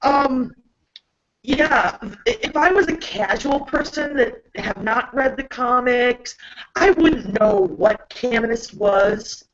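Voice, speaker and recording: A woman's voice: a little high, expressive, slow pace. A woman co-hosting a casual podcast chat, with a robotic-sounding voice, speaking hesitantly with many ums and restarts. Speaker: podcast co-host. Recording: dull lo-fi sound.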